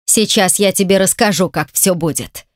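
A woman's voice: mid-range voice, moderate pace, no room sound, studio quality, natural voice. A woman reading an audiobook voices a furious, brutal man who snarls threats and insults. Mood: menacing. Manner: snarling, menacing, shouting insults.

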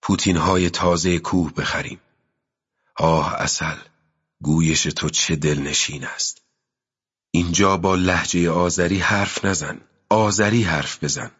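A man reading a novel aloud as an audiobook narrator, in a slow, measured literary style with pauses. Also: low-pitched, fairly even intonation, fairly bright tone, slightly rough. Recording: dull lo-fi audio with long reverb.

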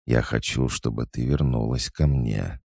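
A man's voice: rumbling low, steady tone, measured pace, creaky, a little mellow, no room sound, clean studio sound, full character voice. A man voicing a creepy, taunting boy who haunts his sister's dreams, mocking and sneering.

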